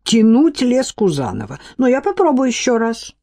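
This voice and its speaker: A woman's voice: on the high side, wildly swooping pitch, moderate pace, mellow, voice pushed up, heavily acted. A woman reading an audiobook, voicing a verbose middle-aged male doctor with an ornate, lecturing manner. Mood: teasing.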